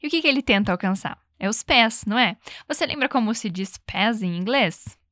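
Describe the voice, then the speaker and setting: A woman teaching English, explaining phrases and leading repetition drills, saying the English examples slowly and clearly. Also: a little high, animated, a bit bright, dry recording, clean studio sound. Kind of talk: language lesson with repetition drills.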